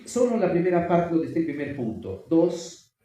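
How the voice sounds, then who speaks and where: A man's voice: on the high side, sing-song, moderate pace, dark tone. A man preaching a sermon, often questioning and exhorting the congregation. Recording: very echoey hall, distant mic.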